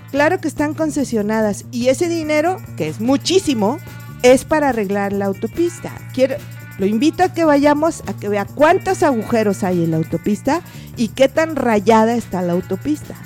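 A woman's voice: sits high, normal speed, faint music behind. A woman, a guest in an interview, telling a casual anecdote and acting out the voices of the people in it. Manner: animated, acts out the voices of people in her story.

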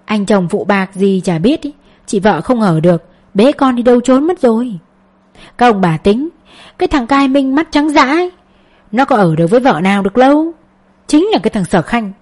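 A woman's voice: on the high side, expressive, normal speed, a little mellow. A woman reading an audiobook, voicing a chatty village woman who passes on rumors in a knowing, scornful way. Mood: gossipy.

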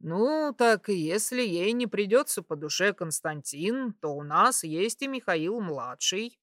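A sly, scheming middle-aged emperor who savours his words, put on by a woman reading a storybook. His delivery is unhurried. The voice sits close and dry. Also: mid-range voice, expressive, a bit bright, no echo.

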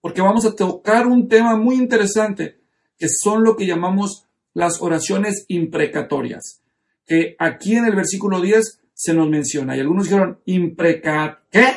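A man's voice: high voice, moderate pace. A man teaching a Bible study class, explaining the text step by step and checking in with his students. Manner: explanatory, asks the class questions.

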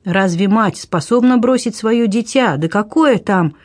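A man's voice: sits high, unhurried, pitched above the performer's own voice. A haughty duchess on the edge of nerves, as a male reader puts her on, her voice lifted well above the narrator's own and pushed hard with emotion. Her exclamations crowd in on each other, and the dry, close audiobook recording gives them no room to echo. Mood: distraught. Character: proud noblewoman, a duchess, agitated and haughty. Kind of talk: audiobook character reading.

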